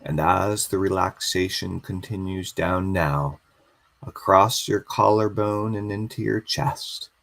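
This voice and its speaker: A man guiding a slow hypnosis induction, soothing and repetitive. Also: low voice, fairly even intonation, vocal fry, fairly bright tone.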